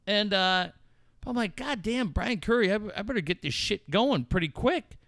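A man's voice: high voice, animated, moderate pace, fairly bright tone, no echo, clean studio sound. A middle-aged man from Southern California hosting talk radio, rambling and swearing in casual banter. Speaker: radio show host.

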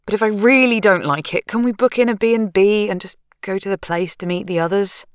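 A woman's voice: medium pitch, brisk, clean tone, no echo, clean studio sound, pitched above the performer's own voice, natural voice. A woman narrator voicing an anxious, easily provoked young wife, pleading and emphatic. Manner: fretful, pleading, rising emphasis.

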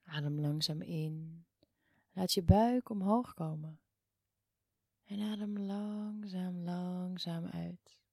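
A woman leads a guided relaxation in a hushed, soothing near-whisper. She speaks very slowly and leaves long pauses between instructions. Her voice sits a little low with some gravelly creak, soft throughout. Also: no echo, studio quality. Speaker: yoga and meditation guide.

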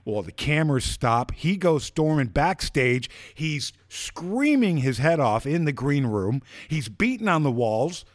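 A man's voice: a little high, measured pace, few pauses, dry recording, clean studio sound. A man co-hosting a comedy talk show, telling an anecdote with animation and acting out the quotes. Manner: animated storyteller, acts out the quotes. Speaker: co-host. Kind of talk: casual podcast storytelling.

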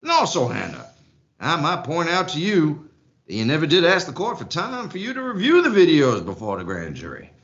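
A stern old country judge lays down the law in a slow drawl, as a man acts him out. His voice is forceful and bright, rising and falling in a lively way. The audio is muffled and lo-fi. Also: a little high, exaggerated voice. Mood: lecturing. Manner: country drawl, lecturing, bossy. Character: folksy stern rural male judge, older.

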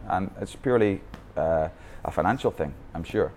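Speaking from Bangkok, the Northern Ireland-born founder of a youth football academy shares his coaching story in a podcast interview, talking openly and frequently starting over. His deep, gravelly, darkish voice is animated and moves at a moderate pace. There is slight background noise, and his Northern Irish accent is clear.

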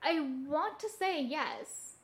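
A woman with a high-pitched voice co-hosts a casual chat about hauntings. She takes her time as she tells stories, informal and a little hesitant as she thinks aloud. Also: wildly swooping pitch, slow, vocal fry, a bit bright. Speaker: podcast co-host.

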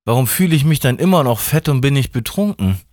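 A man's voice: mid-range voice, expressive, quick pace, a little mellow, no echo, clean studio sound, voice pushed up, natural voice. Sleepy scheming young woman, voiced by a man. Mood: drowsy sly. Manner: drowsy, then demanding. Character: sleepy, sharp-tongued young woman, calculating.

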